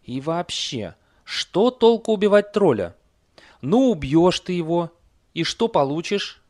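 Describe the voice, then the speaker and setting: A man's voice: fairly high pitch, big pitch swings, unhurried, darkish tone, voice pushed up. A man voicing a sardonic old female horse in an audiobook, skeptical and chatty. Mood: doubtful.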